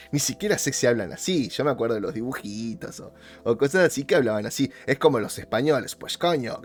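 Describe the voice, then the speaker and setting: Argentine-accented man vlogging to viewers. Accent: Rioplatense Spanish. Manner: talks straight to viewers, persuasive, pitch jumps up for emphasis. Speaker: YouTuber host. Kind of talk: casual monologue to viewers.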